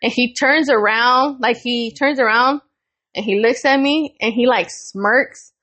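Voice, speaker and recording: A young adult woman co-hosting a podcast, telling a story in casual chat, animated and profane and laughing often. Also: on the high side, a little slow. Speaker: podcast co-host.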